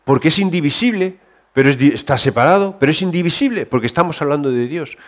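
Conversational preacher, soft then rising. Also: male voice, fairly high pitch, expressive, fast talker. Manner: conversational, many restarts, shifts between soft and raised. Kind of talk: sermon.

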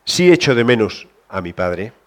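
Conversational preacher, soft then rising. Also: male voice, lowish voice, sing-song, normal speed. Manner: conversational, many restarts, shifts between soft and raised. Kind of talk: sermon.

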